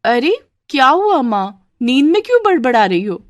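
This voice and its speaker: Young cartoon sister, tattling and whiny, played by a woman, high-pitched. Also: normal speed, no echo, studio quality, lightly acted. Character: young unmarried daughter, tattling sister-in-law.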